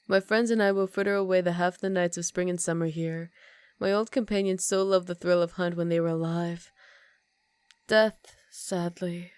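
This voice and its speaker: An ageless, aristocratic vampire countess, acted by a woman purrs in a lowish voice for an ASMR roleplay. Her phrasing is formal and dramatic, slipping toward whispers, seductive and condescending with a predatory edge. The sound is intimate and dry, free of room echo. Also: a little mellow, natural voice. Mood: quietly menacing.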